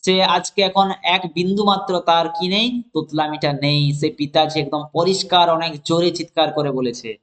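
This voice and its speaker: A man with a fairly high voice works through a story for his class. He reads the English lines slowly, then explains each one, and keeps checking in with rhetorical questions. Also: steady tone, fairly bright tone. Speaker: English teacher. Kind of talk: explaining a story line by line to students.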